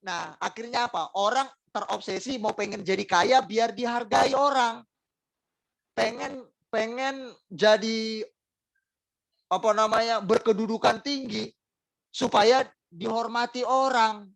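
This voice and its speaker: A man's voice: very high-pitched, steady tone, measured pace, creaky, pauses often, fairly bright tone, dry recording, poor audio. A man preaching a sermon in an Indonesian accent, speaking straight to the congregation with rhetorical questions and emphatic repetition. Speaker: pastor.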